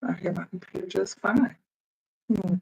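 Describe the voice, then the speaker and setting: A mid-range, slightly rough and mellow voice with vocal fry keeps fairly even intonation at a moderate pace on a low-quality recording. In casual live stream chat, the streamer addresses viewers directly and thinks aloud while adjusting audio settings, speaking into a computer microphone indoors with headphones on.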